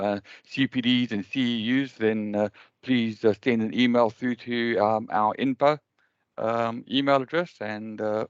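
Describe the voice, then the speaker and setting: A South African man opens an online webinar in a smooth, resonant voice, stopping often to fill gaps with ums and uhs. The sound is dry and a little muffled, like audio from a video call. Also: on the low side, no room sound. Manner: hesitant, many ums and uhs. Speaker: webinar host.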